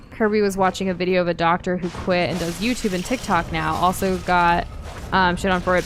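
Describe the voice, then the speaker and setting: A young American woman with a lowish, fairly bright voice co-hosts a game stream over slight background noise. She chats candidly and reads viewer comments aloud, full of fillers and restarts.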